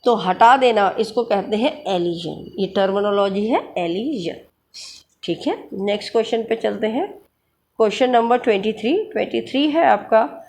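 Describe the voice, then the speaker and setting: A woman teaching an exam-prep lesson, reading English questions slowly and then explaining them in Hindi. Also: mid-range voice, animated, a little mellow. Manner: spells out terms letter by letter.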